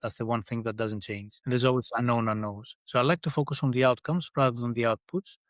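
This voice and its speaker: A man's voice: medium pitch, quick pace, dry recording. A middle-aged man from Greece, a guest in a podcast interview, speaking in a thoughtful way with many restarts. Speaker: guest, engineering leader. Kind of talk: conversational interview.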